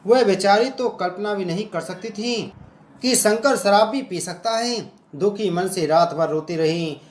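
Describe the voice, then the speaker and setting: A man narrating a devotional fasting story in an emotive, measured way. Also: sits high, reverberant, a little hiss or hum.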